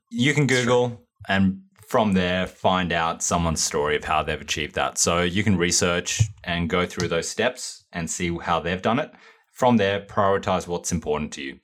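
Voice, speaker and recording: Deep-voiced man explaining at ease. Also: fairly bright tone. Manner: laid-back, explains step by step with many ums. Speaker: podcast co-host. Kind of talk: casual explanatory chat.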